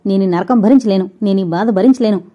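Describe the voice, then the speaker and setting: A woman's voice: on the low side, steady tone, brisk, warm tone, dull audio, lightly acted. A woman voicing a feverish, distraught young woman in an audio novel, with anguished, pleading speech.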